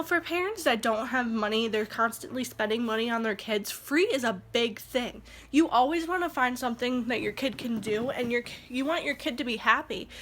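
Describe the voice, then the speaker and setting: Her voice sits on the high side with a fairly bright tone as this young stay-at-home mom vlogs indoors, congested with allergies. The talk is rambling and sincere, turning indignant as she goes.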